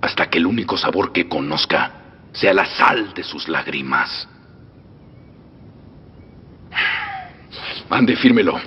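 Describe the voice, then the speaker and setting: With a Mexican accent, an actor dubs a middle-aged revolutionary general who teases, swings from soft menace to loud outbursts, and bursts into laughter. The low, husky male voice has lively intonation at a normal speed, heavily acted and menacing. The dull film soundtrack carries long reverb and faint music.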